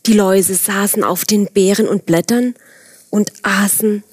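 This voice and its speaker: A woman narrating a gentle children's story, speaking calmly and directly to the children and now and then dropping to a soft whisper. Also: mid-range voice, a little slow, slightly rough, dry recording, studio quality.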